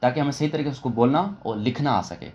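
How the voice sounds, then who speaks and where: A man teaching English phonics in an online lesson, explaining each rule step by step, repeating it and asking his listeners questions, and slowing right down for English phrases. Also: mid-range voice, a little mellow. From Pakistan. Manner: slows down sharply to say English phrases.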